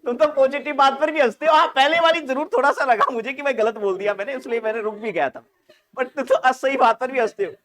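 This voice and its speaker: A man's voice: very high-pitched, fast talker. A man teaching a nursing exam class online, joking and teasing his students for laughing. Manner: animated, laughs often.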